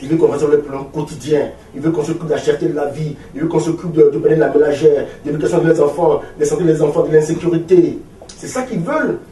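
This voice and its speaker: An Ivorian man in his forties, an opposition party leader, is interviewed in French with his country's accent. His voice sits on the high side, warm and quick, and he speaks emphatically and rhetorically, repeating phrases. The mic is distant in a roomy space, with faint noise.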